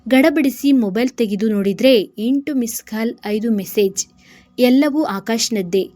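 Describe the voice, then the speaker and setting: A woman storyteller reading a serialized romance story aloud in an expressive, steady narration. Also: a little high, measured pace, no echo.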